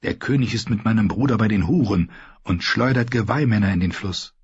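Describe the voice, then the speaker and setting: A man voicing a deferential knight who reports to a queen in a low, subdued way, in an audiobook. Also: fairly quick, husky, dry recording. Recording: slightly dull lo-fi audio.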